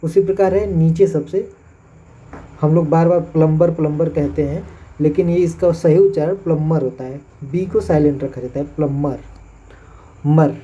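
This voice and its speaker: Teaching English pronunciation, a Hindi-accented man speaks at normal speed in a fairly high but dark-toned voice. Each word is spelled out letter by letter and then pronounced, over dull lo-fi audio.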